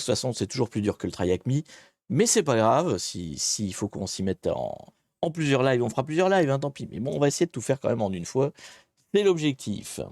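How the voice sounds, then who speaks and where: A man's voice: mid-range voice, dark tone, no room sound, studio quality. A man hosting a casual live-stream hacking tutorial, chatty and self-deprecating, greeting viewers and hesitating often. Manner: chatty, rambling, many hesitations.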